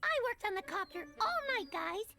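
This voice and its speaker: An actor playing an excitable, boastful childish flying creature in a voiced game story, eager and proud. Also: very high voice, moderate pace, vocal fry, music in the background, full character voice. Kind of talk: game voice acting.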